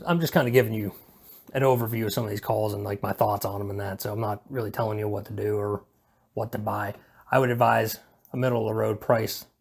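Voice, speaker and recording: A man with a lowish, creaky voice and a breathy edge presents a hobby how-to video from home. He's unscripted and casual, rambling along in a laid-back, hesitant, self-deprecating manner.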